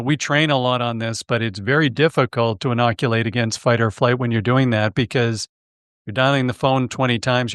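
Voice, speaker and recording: A man's voice: medium pitch, a bit bright, clear, resonant tone, no room sound, clean studio sound. A man hosting a sales podcast, interviewing a guest in a conversational, engaged way. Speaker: podcast host.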